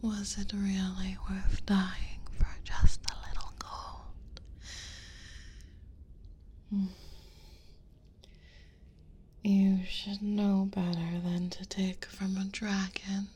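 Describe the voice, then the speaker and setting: A woman voicing a hungry, possessive female dragon in a whispered audio roleplay, slow and predatory. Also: medium pitch, completely flat delivery, dark tone, a little hiss or hum, lightly acted. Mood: menacing, then possessive teasing.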